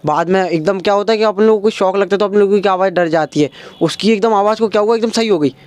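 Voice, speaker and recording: A young man. He is animated and keeps slipping into his friends' voices as he tells the story. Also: high-pitched, fast talker. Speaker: stand-up comedian. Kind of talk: stand-up storytelling.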